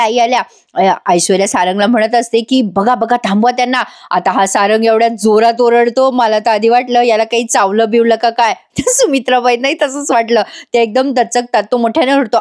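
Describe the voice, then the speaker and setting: A woman retelling a TV serial episode to her audience, acting out each character's lines in quick voices. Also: a little high. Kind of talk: animated storytelling recap of a TV serial.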